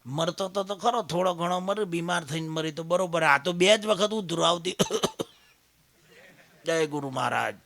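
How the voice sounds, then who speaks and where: A man with a Gujarati accent preaches a devotional sermon in a high, bright voice. He rises to loud exhortations, sinks into quiet asides, and slows down to chant verses. The sound is dry and close. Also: creaky, no room sound. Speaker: spiritual leader giving a satsang discourse.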